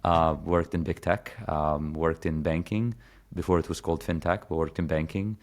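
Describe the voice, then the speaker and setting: Casual podcast conversation comes from this Egyptian guest in his thirties, who meanders, restarts sentences, and leans on fillers. He speaks in a low voice with fairly even intonation at a moderate pace.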